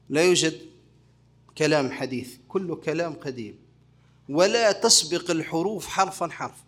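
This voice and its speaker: In this religious lecture, a sheikh speaks in a notably high voice with a fairly bright tone. He engages his audience by asking questions and then answering them, developing every point with a steady instructional cadence.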